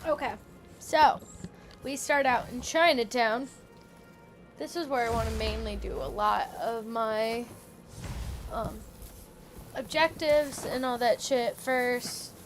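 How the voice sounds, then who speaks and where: Brief: rambling woman streamer, slightly high, slow delivery, faint music behind. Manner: rambling, with many fillers and self-corrections. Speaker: gaming streamer. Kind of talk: casual gameplay commentary. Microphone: headset or desk mic, at times far from it.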